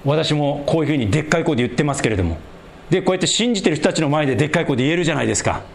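A man preaching a sermon and leading a prayer, stressing key words by stretching them out slowly and dropping low and quiet at the ends of phrases. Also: animated, gravelly, a little hiss or hum. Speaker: pastor.

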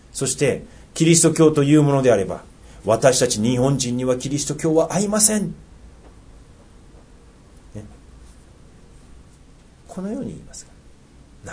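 A middle-aged man with a Tohoku accent preaching a sermon, earnest, asking rhetorical questions and dropping into soft asides. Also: mid-range voice, a little hiss or hum. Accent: Tohoku dialect. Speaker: pastor.

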